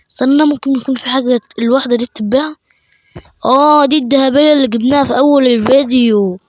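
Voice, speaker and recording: A man with an Egyptian Arabic accent giving chatty let's play commentary, excitable and quick to burst into panicked repeated shouts. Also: extremely high pitch, no room sound. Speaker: gaming channel host.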